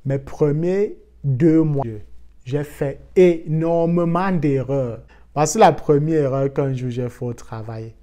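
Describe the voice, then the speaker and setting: A man from Africa telling a casual personal story for his vlog in a lively way, dropping in English words. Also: on the high side, slow pace. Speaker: vlogger.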